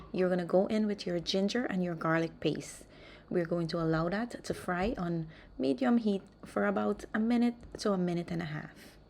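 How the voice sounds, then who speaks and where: Hosting a home cooking channel, a woman walks through cooking instructions step by step in an orderly way. Her voice is fairly low and darkish with a bit of creak, and a slight hiss or hum runs underneath.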